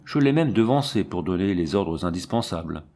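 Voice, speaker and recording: A man's voice: low voice, lively intonation, moderate pace, mellow, voice pushed down. A man voicing an anxious, blustering banker who speaks in a plaintive, exasperated way. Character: anxious, blustering middle-aged male banker.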